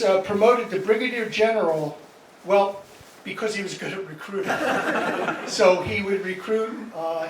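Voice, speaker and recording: A man leading a band and introducing tunes at a live concert, chatty and self-deprecating, halting with many fillers. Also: high-pitched, slight background noise. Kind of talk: live concert stage talk. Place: concert hall. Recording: echoey hall from far off.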